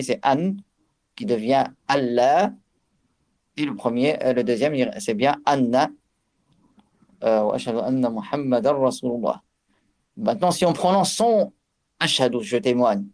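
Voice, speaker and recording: A man's voice: mid-range voice, expressive, normal speed, darkish tone. A man giving a religious lesson on recitation rules, explaining with fillers and restarts and chanting Arabic examples. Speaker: religious teacher. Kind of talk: tajwid lesson.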